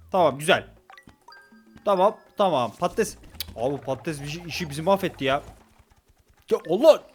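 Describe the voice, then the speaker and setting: A man giving hurried, excitable commentary while playing a restaurant game, talking to customers on screen. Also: high-pitched. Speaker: gaming YouTuber. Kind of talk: casual gameplay commentary.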